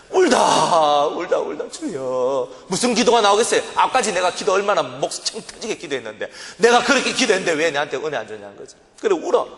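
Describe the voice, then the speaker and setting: A man preaching with a Gyeongsang accent, his high voice swooping widely as he tells his testimony with great drama. He acts out his own past pleas. The voice rings with the long reverb of a church hall. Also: a bit bright. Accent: Gyeongsang Korean. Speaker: pastor. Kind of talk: sermon with vivid personal testimony. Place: church sanctuary.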